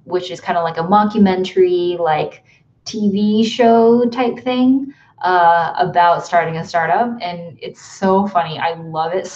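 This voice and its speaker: A woman's voice: mid-range voice, a little mellow, muffled recording. A young woman from the United States chatting casually on a livestream from her bedroom, rambling with lots of ums and likes. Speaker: YouTuber hosting a livestream. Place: bedroom at home.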